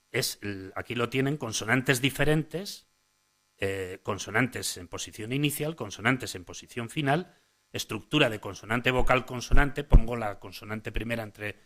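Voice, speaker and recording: Speaking on the low side with a fairly bright tone, a language psychologist lectures parents and professionals at a conference about child speech. He tends to restart phrases, adds "eh?" tags, and points listeners to his slides.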